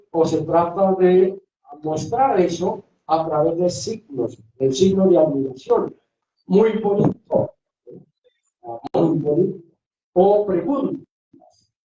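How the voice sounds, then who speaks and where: A pastor lectures a class in an unhurried, very dark and mellow voice, firing the same questions back at his students again and again. He sounds far from the microphone in an echoey room, and the recording is dull and lo-fi. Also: high voice. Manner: repeats rhetorical questions to the class. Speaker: pastor teaching a Bible workshop.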